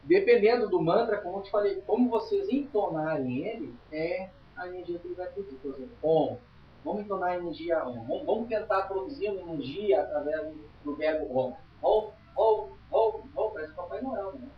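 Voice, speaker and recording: A man's voice: sits high, brisk, far from the mic, a little hiss or hum. A man teaching a spiritualist study group in an informal lecture, chatty and emphatic, often checking in with his listeners. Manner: chatty, emphatic, tags lines with "tá?". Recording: roomy, dull lo-fi room recording.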